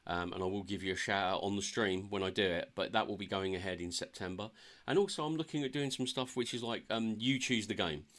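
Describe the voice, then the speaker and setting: A man with a low voice opens his game stream in a relaxed, chatty way. He talks upbeat but sounds a bit tired, and his talk is full of ums and restarts. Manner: chatty and upbeat, with many fillers. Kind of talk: casual live-stream chat.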